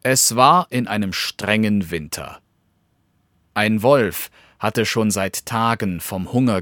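A man narrating a fable in measured, scripted storytelling. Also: deep voice, a bit bright, no echo.

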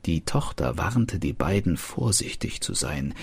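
A man narrating a fairy tale in a calm, measured scripted storytelling voice, recorded on a close studio mic. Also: low-pitched, gravelly, breathy edge, dry recording.

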